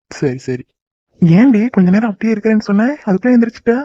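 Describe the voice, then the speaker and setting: A man voicing a gentle young man in a cartoon, soothing and teasing his crying sweetheart. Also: a little high, fairly even intonation, fast, dry recording, lightly acted. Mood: teasing casual. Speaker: voice actor. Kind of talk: cartoon love-story dialogue. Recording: dull lo-fi dry recording.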